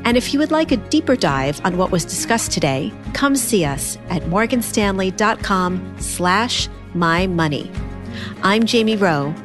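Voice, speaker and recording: A woman with a medium-pitched voice hosts a podcast. She speaks conversationally, with faint music in the recording. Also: lively intonation, measured pace. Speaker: podcast host. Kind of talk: conversational interviewing and sign-off.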